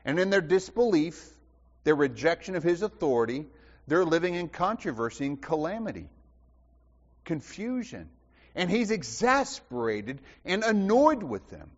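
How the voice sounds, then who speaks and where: A man preaching a sermon as pastor, impassioned and rhetorical, repeating phrases and dropping from loud declarations to hushed lines. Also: on the high side, big pitch swings, normal speed. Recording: dull sound with long church reverb.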